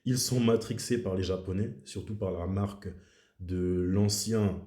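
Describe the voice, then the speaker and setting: Dark-voiced man musing in an echoey room. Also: low-pitched, unhurried. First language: French. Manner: reflective, repeats himself for emphasis. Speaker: video host. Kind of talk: casual explanatory monologue.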